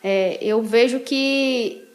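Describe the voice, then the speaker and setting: A young woman with a high, bright voice tells her personal story as a podcast guest. She speaks in a lively, animated way and keeps checking in with her listener through short tag questions. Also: drawn-out words. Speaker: interview guest. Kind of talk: casual testimony chat.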